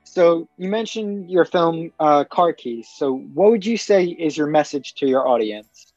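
A woman's voice: sits low, animated, unhurried, a little mellow, no echo, soft background music. A woman hosting a podcast, chatting casually and reacting to her guest with upbeat, effusive praise. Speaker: podcast host. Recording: dull, dry lo-fi mic.

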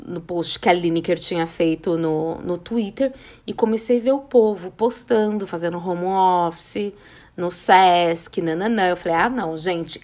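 A young Brazilian woman from the São Paulo area hosts a podcast, telling a story casually and acting out the dialogue with lively voices. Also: medium pitch. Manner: animated, acts out quoted dialogue. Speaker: podcast host.

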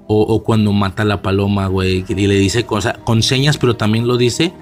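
A man's voice: on the low side, steady tone, brisk, soft background music. A man with a Mexican accent giving a casual film commentary, rambling and slangy, with many fillers and restarts. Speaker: movie reviewer.

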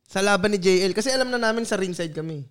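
A man's voice: high-pitched, fast. A man with a Filipino accent co-hosting a casual podcast, telling stories with frequent laughter. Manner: storytelling with laughter. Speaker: podcast co-host. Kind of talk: casual chat.

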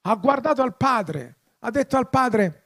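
A man preaching a sermon, passionate, swelling into loud, emphatic appeals. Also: extremely high pitch, lively intonation, a little slow, slightly rough. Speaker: pastor.

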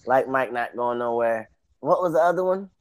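A man's voice: medium pitch, lively intonation, normal speed, clean tone. An American man in a casual podcast debate, reasoning aloud in colloquial speech.

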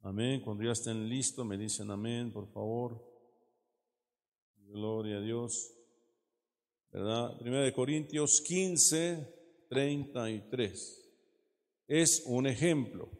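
A man preaching a Bible teaching sermon, explaining patiently, often checking with "¿verdad?" and slowing down to read verses. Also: medium pitch, a little mellow, long reverb tail. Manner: explanatory, frequent "¿verdad?" tag questions, slows to read verses.

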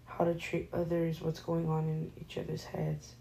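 A young woman co-hosting a casual podcast chat, talking softly and rambling with many fillers. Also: sits low, monotone, normal speed, slight background noise, poor audio. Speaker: podcast co-host.

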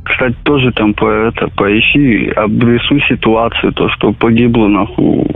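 A soldier on an intercepted radio phone call, talking coarsely and swearing constantly. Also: male voice, lowish voice, normal speed, gravelly, no echo. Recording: tinny intercepted phone line, faint music.

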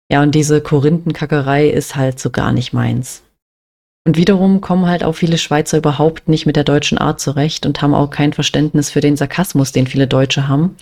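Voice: medium pitch, a little mellow. A young adult from Germany telling a personal story in a plain, matter-of-fact way, with many small fillers. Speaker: vlogger.

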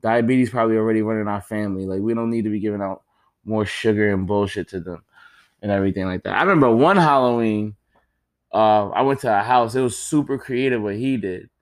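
A young man hosting a podcast, doing a rambling, joking solo monologue full of swearing, his pitch jumping up when he gets excited. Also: a little fast. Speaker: podcast host. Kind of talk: casual comedic monologue.

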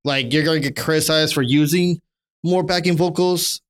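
A man's voice: fairly high pitch, steady tone, moderate pace. A man in his thirties co-hosting a podcast, chatting casually, rambling with many restarts and casual swearing. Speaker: podcast co-host. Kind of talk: casual chat.

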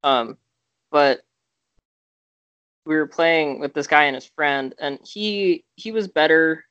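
A man's voice: on the high side, slow, a bit bright, smooth, dry recording, lo-fi sound. Rambling young man on a podcast. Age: young adult. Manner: rambling with many fillers and restarts. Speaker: podcast co-host. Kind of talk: casual chat.

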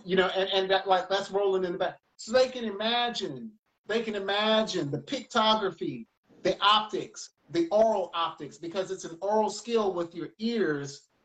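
Guy with a pretty high voice, music teacher, chatty and animated, rambles through his stories. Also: normal speed, poor audio. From United States. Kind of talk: casual interview chat.

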